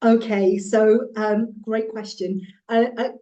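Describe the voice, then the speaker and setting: A woman's voice: a little high, level tone, slow pace, dark tone, lo-fi sound. A woman guest on an early years podcast, explaining in a fluent, teacherly way. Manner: fluent, explanatory, slips into a sing-song voice for examples. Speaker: guest from a children's music and movement company. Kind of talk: podcast interview.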